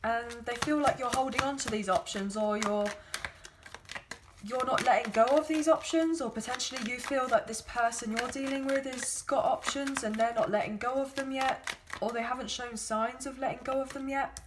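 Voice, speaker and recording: Over background noise, a woman with a higher-pitched voice gives a casual tarot reading at normal speed and in a steady tone. Her throat is sore and her voice is going, and she rambles chattily, hedging with plenty of ums.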